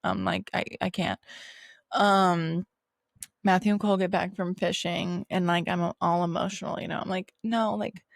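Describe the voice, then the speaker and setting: A woman's voice: lowish voice, level tone, normal speed, vocal fry, no room sound, studio quality. A young adult woman hosting a podcast, telling a personal story in a casual, chatty way with lots of "like" and laughter. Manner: chatty, heavy use of "like", laughs while telling stories. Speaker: podcast host.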